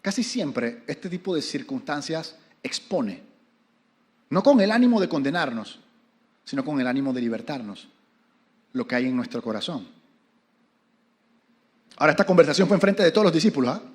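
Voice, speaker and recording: A man with a Panamanian Spanish accent, a pastor preaching a sermon, retelling scripture dramatically and often asking the audience questions. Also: medium pitch.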